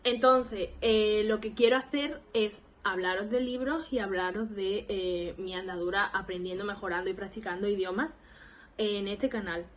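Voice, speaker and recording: This language-learning vlogger, a woman in her twenties from Spain with an Andalusian Spanish accent, speaks at a moderate pace in a medium-pitched voice. She rambles casually to her camera as she introduces her vlog. She's self-deprecating, with lots of laughs and fillers.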